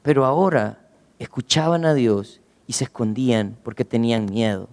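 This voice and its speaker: A man preaching a sermon as pastor, earnestly asking rhetorical questions and slowing down, going low for emphasis. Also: lively intonation, a little mellow, long reverb tail. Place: church.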